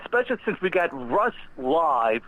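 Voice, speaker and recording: A man's voice: on the high side, big pitch swings, moderate pace, sharp tone, poor audio. A man phoning in to a talk radio show, cheerful and chummy with the hosts. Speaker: caller. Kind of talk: phone-in chat.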